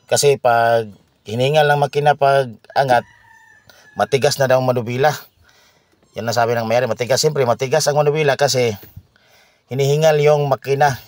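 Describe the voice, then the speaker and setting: A man, a mechanic explaining a car repair to viewers in a halting way, pausing and repeating himself. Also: medium pitch, a little mellow, no echo.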